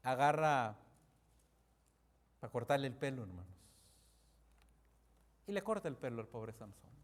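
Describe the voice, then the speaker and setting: A man preaching a sermon as pastor, emphatic, repeatedly calling out to the congregation, with sudden drops to a hushed voice. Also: medium pitch, very animated, a little slow.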